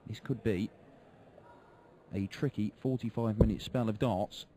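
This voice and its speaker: A man's voice: on the low side, steady tone, unhurried, very noisy. A man giving live darts commentary in a colloquial way, reacting to each throw. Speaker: sports commentator.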